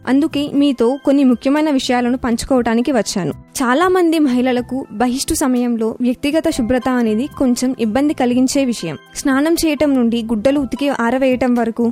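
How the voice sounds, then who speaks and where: A woman presents a scripted radio talk, addressing listeners in a clear and earnest way. Her voice is high, with faint music underneath. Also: a little mellow.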